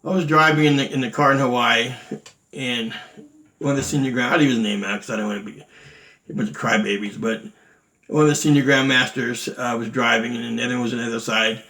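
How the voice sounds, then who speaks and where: A man's voice: medium pitch, fairly even intonation, fast talker, pushed and bright, poor audio. Blunt, indignant man telling his side. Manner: blunt and indignant, swears freely, many fillers. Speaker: martial arts instructor recounting events. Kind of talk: candid storytelling.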